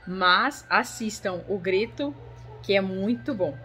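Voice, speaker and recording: A woman's voice: mid-range voice, expressive, slow pace, bright, forceful tone. Chatty woman talking movies over faint music. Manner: chatty, addresses viewers directly with frequent "né?". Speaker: YouTuber reviewing a horror film. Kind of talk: casual film commentary vlog.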